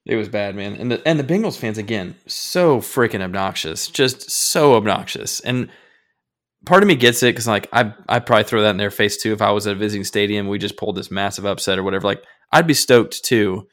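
A man with a fairly low voice recounts a football game in casual podcast chat. He gets animated, swears freely and acts out his own reactions as he tells it. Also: brisk. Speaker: podcast co-host, football fan.

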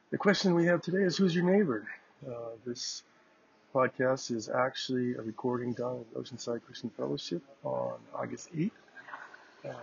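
A man with a gravelly, fry-edged voice opens a faith podcast with a friendly, plain introduction to a recorded sermon. The recording is a little muffled and lo-fi. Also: mid-range voice. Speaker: podcast host.

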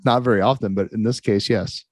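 A man's voice: on the low side, steady tone, brisk, no room sound. A man co-hosting a podcast in casual chat, with an easygoing, teasing manner. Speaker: podcast co-host.

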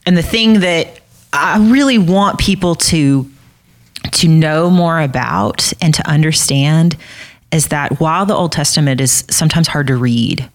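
Low-voiced woman co-host, earnest, repeats stuff for emphasis, casual bible chat. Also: a little slow. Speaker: Bible study podcast co-host. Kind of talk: casual faith discussion.

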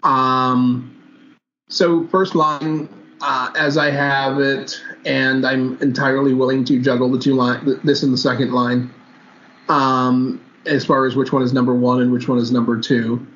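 A man co-hosting a casual hockey podcast, joking in a dry, deadpan way and then laying out his analysis step by step. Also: mid-range voice, a little slow. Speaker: podcast co-host. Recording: dull lo-fi audio with faint hiss.

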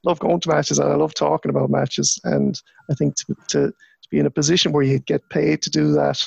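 A man's voice: on the high side, little pitch movement, a little fast, gravelly, a little mellow, husky, dry recording, highs cut off. A man from Galway with a west of Ireland accent, a lecturer chatting casually as an interview guest, circling into his points with repeated words.

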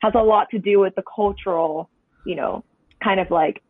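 Breathy at the edges and moderately paced, a mid-range voice belonging to a Hong Kong painter in their twenties is carried over a tinny, dry phone line without room sound. Their first language is Cantonese, and they are the guest on a conversational podcast interview, reflecting at length with lots of hedging.

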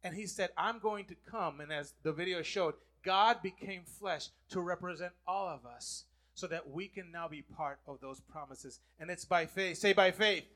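A man's voice: sits high, normal speed, hardly any pauses, sharp tone. A man preaching a sermon, calling on the congregation to repeat words back to him. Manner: call-and-response preaching, asking the congregation to repeat. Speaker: pastor.

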